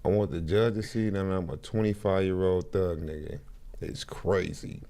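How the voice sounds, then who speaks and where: Male streamer, low gravelly voice, slangy mocking reaction commentary. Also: steady tone, normal speed, noisy background. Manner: laughing, mocking, slangy banter.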